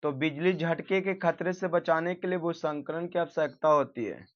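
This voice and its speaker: A man's voice: on the high side, normal speed. A male teacher working through an exam practice set, reading each question aloud and then giving the answer, sometimes correcting himself. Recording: dull lo-fi recording.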